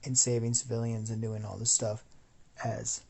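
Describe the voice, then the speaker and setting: A man's voice: medium pitch, little pitch movement, moderate pace, gravelly, darkish tone, breathy edge. A sleepy young man rambling as he narrates a fan-fiction story, full of fillers and restarts.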